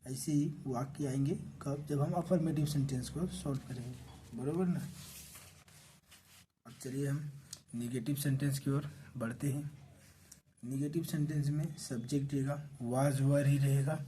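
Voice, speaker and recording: A man with an Indian accent teaching English grammar in a slow classroom style, spelling words out letter by letter and checking in with his students. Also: medium pitch, steady tone, mellow, a little hiss or hum.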